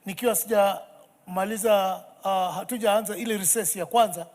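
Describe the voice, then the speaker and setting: A woman's voice: mid-range voice, steady tone, moderate pace, darkish tone. A woman with a Kenyan accent gives a tribute speech as a member of parliament. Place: large parliament chamber. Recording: reverberant hall.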